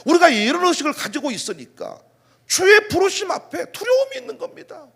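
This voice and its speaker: A middle-aged man preaching a sermon as pastor, animated, firing off rhetorical questions and sudden outbursts. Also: very high-pitched, a little fast, gravelly.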